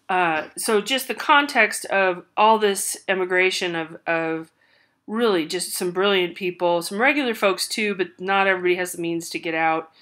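A woman's voice: lowish voice, fairly bright tone. A woman giving a recorded art history lecture with hiccups, talking loosely with many fillers and restarts.

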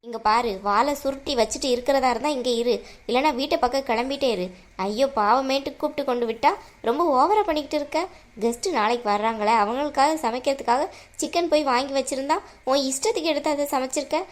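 A woman voicing a harsh, domineering mother-in-law in an animated cartoon, scolding in a bossy way. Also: high voice, quick pace, lightly acted. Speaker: voice actor.

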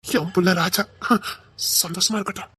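A woman voicing several drama roles, quick to flare up, then soft and pleading. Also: on the low side, fairly even intonation, husky, no room sound, clean studio sound. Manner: shifts from teasing to pleading and shouting.

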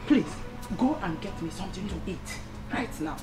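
A woman's voice: medium pitch, animated, moderate pace, over music, lightly acted. A woman playing a stern Nigerian mother-in-law. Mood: scolding. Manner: scolding, repeats "Eh?" as a jab. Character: stern middle-aged mother-in-law, scolding yet torn. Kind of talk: Nollywood film acting.

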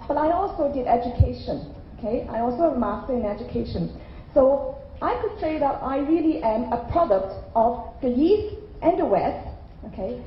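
This is a middle-aged woman raised in Ireland, delivering a conversational keynote into a handheld mic in a large hotel conference hall and frequently checking in with "okay?". Her voice sits high, with a little hiss or hum on the recording. The hall sounds roomy and slightly dull.

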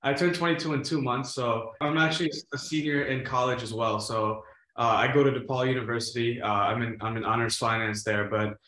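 A man's voice: medium pitch, little pitch movement, fairly quick, pushed and bright. A twenty-one-year-old man speaking as a guest on a video call interview, talking casually with many restarts and "you know"s. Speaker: guest, real estate investor. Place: home room, plain wall. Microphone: video call webcam. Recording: roomy echo.

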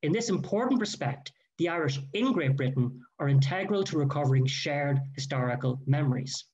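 A man giving a formal, measured history lecture read from a prepared text. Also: fairly high pitch, animated, darkish tone. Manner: measured, careful delivery with quoted sources. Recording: dull lo-fi recording.

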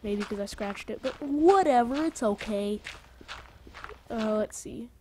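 A woman giving casual gameplay commentary in a goofy, rambling way, with lots of "like" fillers, jokey self-mockery and sudden excited outbursts. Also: fairly high pitch, unhurried, a little hiss or hum. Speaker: gaming channel host.

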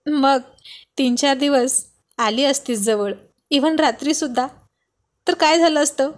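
A woman voicing a romantic, teasing young husband who is quick to sulk, pleading and playful, dropping English phrases into his talk. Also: high voice.

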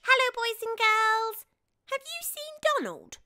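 A woman voicing an excitable young girl sock puppet in a children's puppet show, gasping and gushing eagerly. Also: very high-pitched, unhurried, a little hiss or hum, exaggerated voice. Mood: excited.

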